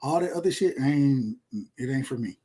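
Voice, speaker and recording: A man's voice: medium pitch, expressive, normal speed, mellow, slightly rough. A man, rambling and boasting in casual podcast chat. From Georgia, USA. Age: 30s. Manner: laid-back, boastful, rambling with repeats. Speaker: podcast host.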